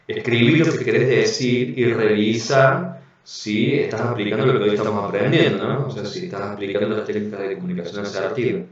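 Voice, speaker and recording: A man with a Rioplatense Spanish accent giving an online class, explaining calmly and often checking in with tag questions, heard over a video call. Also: lowish voice, a little fast. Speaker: instructor. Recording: very echoey, dull lo-fi audio.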